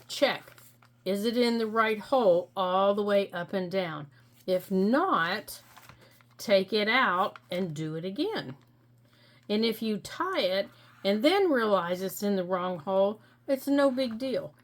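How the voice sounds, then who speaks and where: A middle-aged woman hosting a crafting tutorial, explaining each step gently and patiently with frequent ums. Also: medium pitch. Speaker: crafting channel host.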